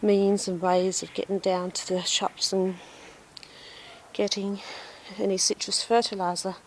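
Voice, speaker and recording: A woman's voice: medium pitch, level tone, measured pace. A woman strolls through her backyard garden and talks unhurriedly about her plants in a chatty, self-deprecating way. She sounds a little out of breath. It is picked up on a phone outdoors, with a faint hum of the outdoors behind her. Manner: chatty, self-deprecating, with frequent ums and laughs. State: slightly out of breath. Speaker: home gardener vlogger. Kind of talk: casual garden walkthrough.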